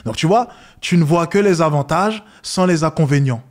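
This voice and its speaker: A man's voice: animated, normal speed. A man giving scornful reaction commentary, lecturing and mocking the people in the clip. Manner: mocks others with high squeaky voices.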